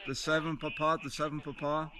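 A man's voice: fairly high pitch, level tone, a little fast, a loud crowd. Man making ham radio calls. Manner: crisp call-sign readouts and signal reports. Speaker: amateur radio summit activator. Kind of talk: ham radio calling in phonetic alphabet. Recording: noisy outdoor recording.

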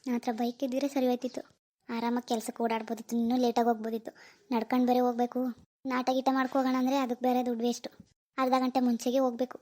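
A woman voicing an easygoing young village husband in a cartoon, talking fast and chatty. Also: a little high, flat delivery, dark tone, lightly acted. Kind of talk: cartoon voice acting.

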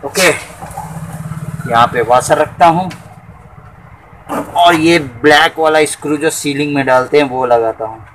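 In a cluttered little workshop, a thirtysomething repair-channel host narrates his work in a slightly high voice, unhurried and with long pauses. He's chatty and goes through each step casually, recorded on a handheld phone camera amid background noise.

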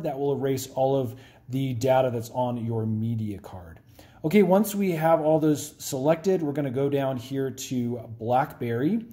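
A man's voice: on the high side, mellow. A man hosting a tech tutorial, explaining step by step in a friendly, plain way while working a phone on camera.

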